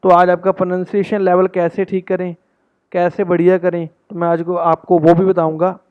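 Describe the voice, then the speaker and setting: A man's voice: high-pitched, level tone, clear, resonant tone. Man teaching pronunciation, tinny audio. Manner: slowly reads English passages aloud, repeats words for practice. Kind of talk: casual Hindi-English lesson.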